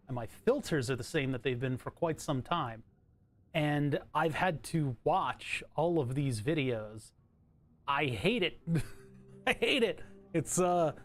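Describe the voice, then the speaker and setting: Streaming from his home setup, a man chats casually, rambling and interrupting himself. His voice is bright, trebly and fairly high-pitched.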